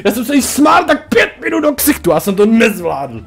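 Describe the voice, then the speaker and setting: A young man telling a story on a casual vlog, crude and profane, with excitable outbursts. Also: very high voice, creaky, husky, raised voice, faint music behind. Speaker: vlogger.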